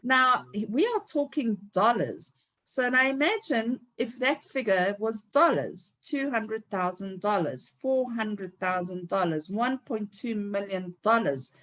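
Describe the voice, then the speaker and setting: A woman's voice: a little high, lively intonation, takes it slowly, fairly bright tone. A woman, giving an upbeat, emphatic motivational talk as a team leader on a video call. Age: 50s.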